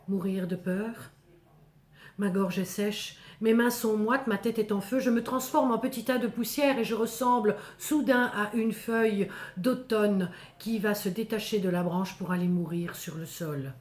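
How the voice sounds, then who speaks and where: A woman's voice: medium pitch, natural voice. A woman voicing Moses, a humble, fearful shepherd, in intense, theatrical first-person biblical storytelling. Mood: terrified. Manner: theatrical, intense, measured short phrases. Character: Moses, terrified humble male shepherd telling his encounter. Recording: echoing, reverberant voice recording.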